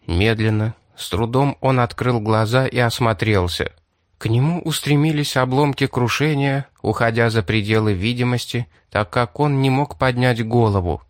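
A man reading a science-fiction chapter aloud as an audiobook narrator, in an even, measured manner. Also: mid-range voice, dry recording, clean studio sound. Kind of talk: scripted narration.

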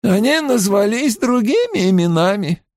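A stern, weary grey-haired old woman, as a male narrator puts her on, pitched well above his own voice and rising and falling with lively swings. She sounds tired and guarded, heard on a dry, close recording in an audiobook. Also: measured pace, no room sound, full character voice. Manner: scolding then tired and guarded. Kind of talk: audiobook character voice.

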